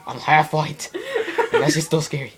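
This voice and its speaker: Someone voicing a sweary jumpy puppy with a lively voice. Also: mid-range voice, unhurried, a crowd in the background. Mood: nervous. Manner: sweary, exasperated, exclaiming. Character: foul-mouthed, jumpy, indignant puppy with a man's voice. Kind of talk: improvised comic voice-over.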